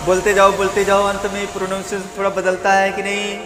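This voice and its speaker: A man's voice: sits high, completely flat delivery, fast talker, over music. A man teaching a lesson on how to pronounce a mantra, asking rhetorical questions and repeating his points. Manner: explains with rhetorical questions and repetition. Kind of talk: spoken lesson on mantra pronunciation.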